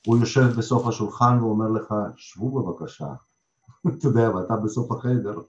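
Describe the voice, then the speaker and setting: A man's voice: on the low side, flat delivery. A man being interviewed as a theatre director, telling stories conversationally and repeating phrases for emphasis. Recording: echoey room, slightly dull sound.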